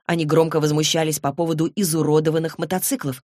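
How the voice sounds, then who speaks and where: A woman narrating an audiobook in an even, measured storytelling manner. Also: deep voice, no echo, clean studio sound. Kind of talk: scripted narration.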